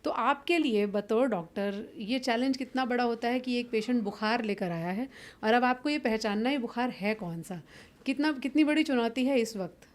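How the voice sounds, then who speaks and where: Female health-show host, polite formal questions, slightly high pitch. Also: normal speed. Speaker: interviewer, host. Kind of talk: interview questions.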